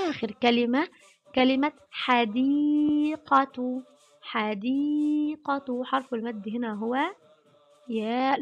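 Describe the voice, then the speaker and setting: High-voiced woman teaching young children phonics. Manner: slow, drawn-out syllable sounding with warm praise. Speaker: kindergarten Arabic teacher.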